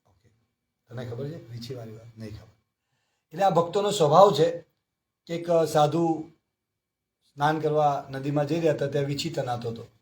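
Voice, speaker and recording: A man's voice: a little high, normal speed, long pauses, a little mellow. A man gives a devotional scripture class in a slightly raised voice. He moves through short stories and keeps asking his listeners questions, as a teacher speaking to a gathered group would. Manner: storytelling with frequent rhetorical questions to the audience.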